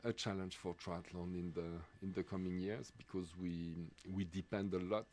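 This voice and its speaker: A middle-aged Swiss man with a French accent giving live commentary on a race, halting and full of fillers. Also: low voice, flat delivery, darkish tone, slight background noise. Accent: French-speaking Swiss. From Switzerland. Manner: halting, many fillers and restarts.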